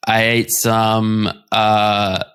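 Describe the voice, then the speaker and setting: A man's voice: on the low side, monotone, very slow, a bit bright, clear, resonant tone. Chatty male podcast co-host, often laughing. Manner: laughs often, rambling with restarts. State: recovering from covid. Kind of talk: casual chat.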